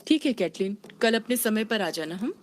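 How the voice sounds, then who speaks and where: A woman's voice: medium pitch, lively intonation, moderate pace, a little hiss or hum, close to an everyday voice. A woman voicing a doting but firm mother. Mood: affectionate. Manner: affectionate yet firm.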